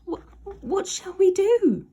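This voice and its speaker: A woman's voice: extremely high pitch, big pitch swings, slow pace, dark tone, pitched above the performer's own voice, full character voice. Woman playing Slime, an eager, timid slime creature. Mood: nervous.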